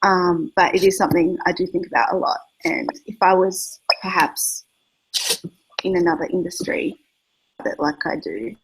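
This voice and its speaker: Australian woman writer, husky, lowish, thoughtful and halting. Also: steady tone, poor audio. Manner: reflective, hesitant. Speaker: writer on a panel. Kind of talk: panel discussion.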